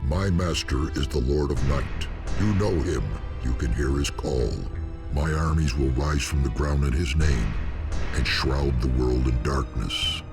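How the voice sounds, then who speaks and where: Game villain: ancient undead dragon, very deep bass, grandiose and arrogant, over prominent music. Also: male voice, measured pace. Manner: grandiose, menacing, archaic formal speech. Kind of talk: scripted fantasy game voice acting.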